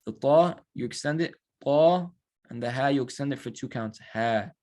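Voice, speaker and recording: A man teaching Quran recitation in a relaxed class, talking casually and stretching out syllables to show how they are chanted. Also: mid-range voice. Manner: explains slowly, models drawn-out recited syllables.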